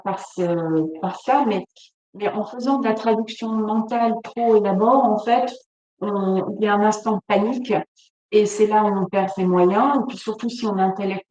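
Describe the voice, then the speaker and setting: A woman's voice: medium pitch, a little mellow, muffled recording. A woman presenting a webinar, speaking spontaneously with many fillers and restarts. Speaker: webinar presenter, business facilitator. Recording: distant mic in echoey room, faint noise.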